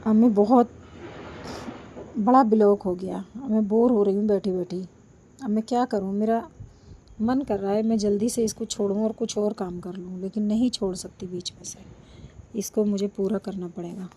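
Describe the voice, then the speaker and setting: A woman vlogger with a sore throat speaks slowly and softly in a medium-pitched, fairly even voice, pleading with her viewers for support in a casual chat. She records on her device's built-in mic, and there's a little hiss or hum.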